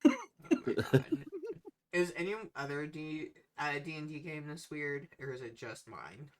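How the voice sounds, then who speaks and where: A woman's voice: low-pitched, unhurried. A woman narrating as game master of a tabletop game, self-mocking and often laughing.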